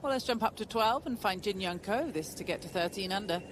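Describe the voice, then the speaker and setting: A golf commentator giving measured live tournament play-by-play and handing over to colleagues. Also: medium pitch, animated, background noise. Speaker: golf commentator, lead announcer.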